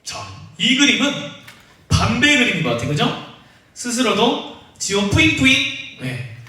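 Lively young man teaching kids in an echoey room. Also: high-pitched, unhurried. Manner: playful, teasing, talks directly to kids by name. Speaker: children's ministry teacher. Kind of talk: online Sunday school lesson for children. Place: church room. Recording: echoey, distant from the mic.

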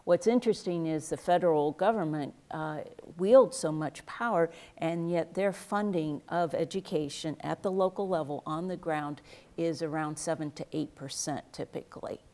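Middle-aged woman professor, very low and mellow, measured explainer, studio lapel mic. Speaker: professor of educational leadership. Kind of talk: panel discussion. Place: TV studio set.

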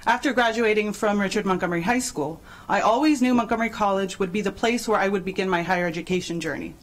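A young woman from El Salvador reads her testimony aloud at a council hearing. Her delivery is composed and steady, spoken into a desk microphone in a large chamber. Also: mid-range voice, fast talker, poor audio. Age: young adult. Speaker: public hearing speaker, college graduate. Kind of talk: prepared public testimony read aloud. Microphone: desk microphone on a stand.

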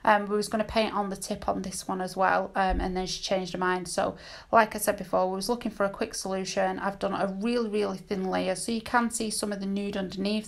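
Creaky-voiced British woman, chatty and rambling. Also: medium pitch. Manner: rambling, self-interrupting, candid. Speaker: nail technician and tutorial host. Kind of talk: casual chatty voice-over tutorial. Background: dogs barking at times.

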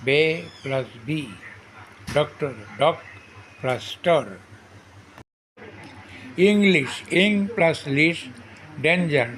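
A man teaching a grammar lesson, repeating each definition slowly and spelling words out syllable by syllable, with faint noise behind him. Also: on the high side, poor audio. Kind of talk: slow dictation-style grammar lesson.

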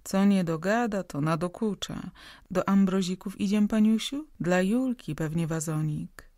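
Woman doing a loud, grumbling common housewife. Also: fairly low pitch, unhurried, no echo, clean studio sound. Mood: familiar chatty. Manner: coarse, loud folk speech. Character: blunt, grumbling working-class woman caretaker.

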